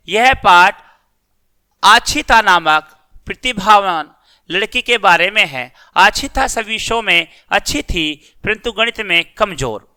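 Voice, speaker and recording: A man's voice: high-pitched, sharp tone, clean tone. A man teaching a children's class, reading a story aloud and then explaining it in simple words. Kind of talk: reading and explaining a school lesson.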